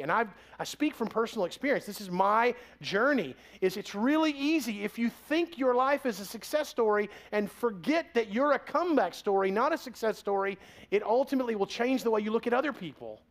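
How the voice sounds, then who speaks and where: A man's voice: sits high, animated, brisk. A man in his forties preaching a sermon as pastor, in a conversational, joking way.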